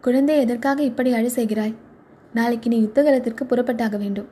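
A woman reading the part of a lively, curious young wife in a storybook, in a coaxing, questioning manner. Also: on the high side, fairly quick, slightly rough.

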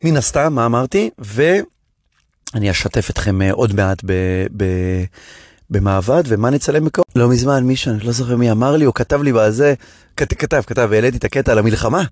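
A man, a stand-up comedian hosting his podcast, talking in a rambling, animated casual monologue with many restarts. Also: medium pitch, dry recording, clean studio sound.

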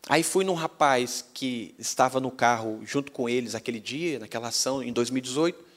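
A male pastor with a Brazilian Portuguese accent tells a story in a sermon, animated and acting out the dialogue. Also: mid-range voice, a little fast.

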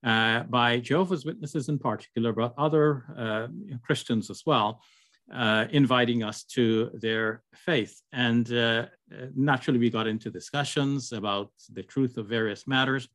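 A man's voice: medium pitch, fairly even intonation, moderate pace, a bit bright, no echo. Older man from Guyana, hesitant. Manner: hesitant, many fillers and restarts. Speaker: guest, Islamic scholar. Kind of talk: casual interview over video call.

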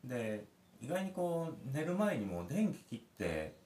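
A man's voice: mid-range voice, sing-song, unhurried, darkish tone, slight background noise. A man who is a parent, telling a rambling story with many fillers in casual podcast chat. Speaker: podcast host. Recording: roomy echo.

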